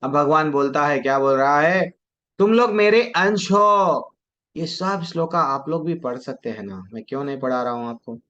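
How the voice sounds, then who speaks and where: A man teaching a devotional class in a conversational way, acting out quoted people and chanting verses slowly. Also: mid-range voice, a bit bright. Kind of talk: Hindi devotional class talk. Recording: dull lo-fi sound.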